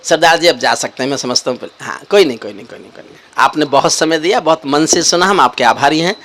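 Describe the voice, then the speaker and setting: An older man, a poet, telling jokes and stories to a live audience with animated, expressive delivery. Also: fairly high pitch, fast. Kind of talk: stage poetry and joke telling to a live audience. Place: live event stage.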